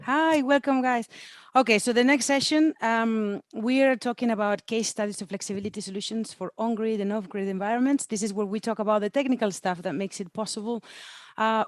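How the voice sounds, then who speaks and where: Moderating an online event as a webinar moderator, a woman speaks in an informal, chatty, encouraging way. Her voice is fairly high, with no echo, picked up by a computer mic on a video call.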